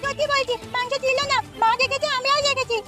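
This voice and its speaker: A woman's voice: very high-pitched, little pitch movement, fast talker, loud music behind the voice, voice pushed up. A woman voicing a small village girl who whines and pleads. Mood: whining. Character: little village girl, whiny and eager.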